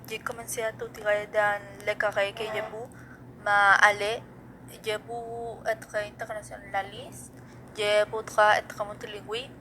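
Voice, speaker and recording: Slow, flat-voiced teenage girl. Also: mid-range voice, slight background noise, low-quality recording. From Mexico. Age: teens. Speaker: student. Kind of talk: reading a self-introduction.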